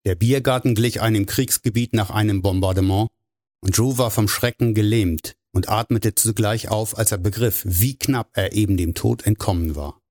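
A man narrating a novel in a measured storytelling way. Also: fairly low pitch, a little mellow, no room sound, studio quality. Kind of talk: audiobook narration.

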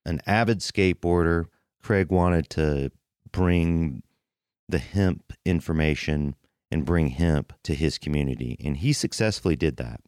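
Male podcast host, low-pitched, conversational and rambling intro delivery, very dry recording. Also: unhurried, a little mellow, dry recording. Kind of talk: casual podcast introduction monologue.

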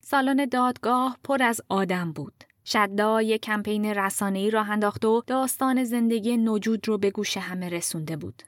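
A woman narrating a true story in a calm, measured storytelling voice. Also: mid-range voice, no room sound, clean studio sound. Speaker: podcast narrator.

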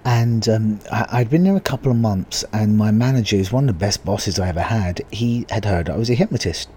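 Low husky man, voice giving out. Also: brisk, warm tone, a little hiss or hum. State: husky voice giving out, losing his voice. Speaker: podcast host. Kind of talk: podcast introduction, casual monologue.

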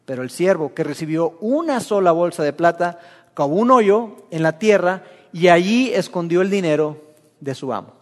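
A man's voice: high voice, animated, normal speed. A man delivers a sermon and tells a parable, slipping into each character's voice as he goes. His words ring out with a long reverb, as if he is speaking in a large hall. He talks to his listeners directly, in a storytelling way. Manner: storytelling, acting out the characters' lines. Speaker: preacher.

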